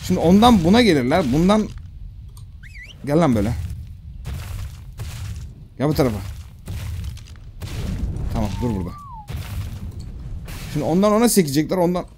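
Excitable man with lively swings in pitch. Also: normal speed, pauses often, slight background noise. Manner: excitable, slangy, talks to the game creatures. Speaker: gamer streaming a survival game. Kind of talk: casual gameplay commentary.

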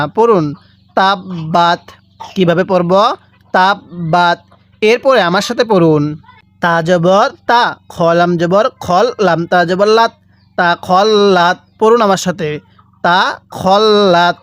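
A man with a Bangladeshi Bengali accent teaching Quran reading, spelling out syllables slowly and drilling the listener to repeat after him. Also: high voice, fairly bright tone, dry recording. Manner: slow, repetitive drilling with call-and-repeat prompts. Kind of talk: spelling-out recitation lesson.

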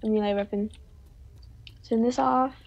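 A woman's voice: fairly high pitch, steady tone, unhurried, vocal fry, dull audio. A young woman chatting casually while playing a co-op game, giggly and easily flustered, her throat a little sore. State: sore throat after choking on water. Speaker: gamer co-host. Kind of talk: casual gaming chat.

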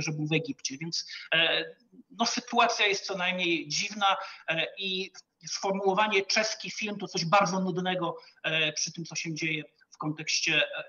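High bright male commentator, rhetorical. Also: lo-fi sound. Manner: measured, rhetorical, frequent hesitation sounds. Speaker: political commentator. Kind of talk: studio political debate.

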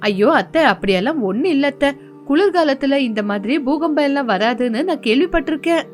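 A woman voicing a young daughter-in-law in an animated story, soothing her in-law and firm with neighbours. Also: sits high, a little fast, faint music behind.

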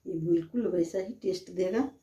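Her voice is lowish and dark in tone, moving at a moderate pace as she narrates a home cooking demonstration from her kitchen, explaining each step plainly. A slight background noise is present.

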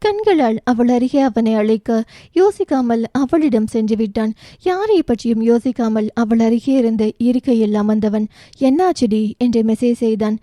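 A woman's voice: a little high, lively intonation, moderate pace, mellow, dry recording, studio quality. A woman narrating a romance novel as an audiobook, voicing each character's dialogue herself. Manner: shifts briefly into voices for each character.

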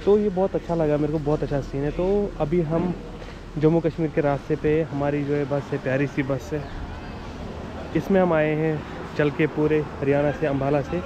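A man speaks in a friendly, praising, chatty way while standing outdoors at a roadside stop. His voice is slightly high. Traffic noise is clearly heard around him. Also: steady tone, moderate pace, dull audio. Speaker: fellow passenger and moto vlogger. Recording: phone recording with clear road noise.

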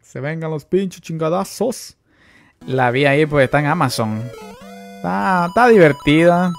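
A young man with a Mexican Spanish accent provides live commentary on a game stream, his voice a touch high, a little slow, and tinged with vocal fry. He chats easily, greets viewers, and bursts into excitable exclamations as game music plays faintly in the background.

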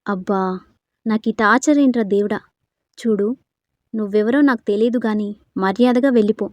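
A woman voicing a feisty, sharp-tongued young woman who talks in quick exclamations in a storybook. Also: mid-range voice, no echo, highs cut off, close to an everyday voice. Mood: frightened sassy.

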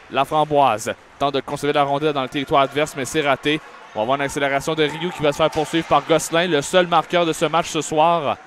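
A man with a Quebec French accent giving excited play-by-play hockey commentary, with animated, exclamatory calls. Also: on the high side. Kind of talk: excited live sports commentary. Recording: clearly noisy live arena commentary. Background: ice rink ambience.

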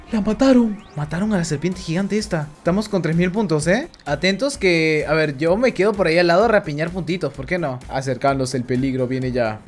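A man, giving live commentary as a gaming streamer, swearing often and breaking into loud outbursts. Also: fairly high pitch. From Peru.

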